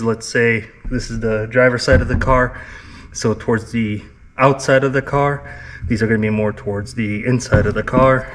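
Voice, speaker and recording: A man hosting a casual car vlog, calmly explaining each step as he works in a garage. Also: mid-range voice, background noise. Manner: relaxed, explaining step by step while working. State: out of breath. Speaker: car channel host.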